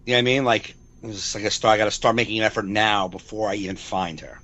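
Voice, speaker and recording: A man's voice: fairly low pitch, fairly even intonation, fast talker, pushed and bright, muffled recording. A man in his forties, a comedian co-hosting a podcast, rambling in casual chat over a video call, repeating himself and swearing freely. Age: 40s.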